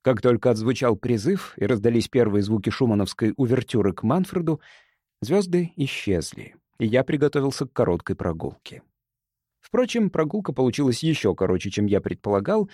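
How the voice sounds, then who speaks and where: A man reading a first-person audiobook in an expressive, dramatic way. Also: mid-range voice, a little fast, no echo. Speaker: audiobook narrator.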